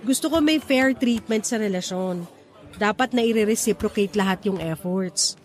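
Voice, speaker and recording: An actress plays a frank, independent young single woman in a radio romance drama, talking in conversational Taglish that is both reflective and assertive. Her medium-pitched voice moves at a moderate pace, close to everyday speech, over soft background music.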